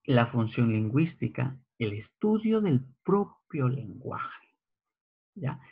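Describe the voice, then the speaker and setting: A male teacher giving a slide lecture, slowly repeating key phrases and asking rhetorical checks. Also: mid-range voice, very animated, creaky, slightly rough. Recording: tinny phone-like audio.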